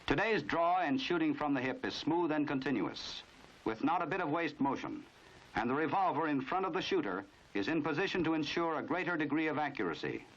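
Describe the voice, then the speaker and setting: Over a dull, dated 1950s film soundtrack, an American man narrates with authority, giving formal, scripted instruction in the manner of a mid-century training film. His voice is a little high for a man, animated, a little fast, and fairly bright.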